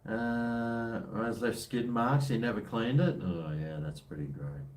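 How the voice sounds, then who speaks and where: A man's voice: mid-range voice, unhurried, a little mellow. A man with a broad New Zealand accent, co-hosting in casual, slangy banter. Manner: blokey, slangy. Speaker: co-host of a casual show. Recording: roomy, distant from the mic.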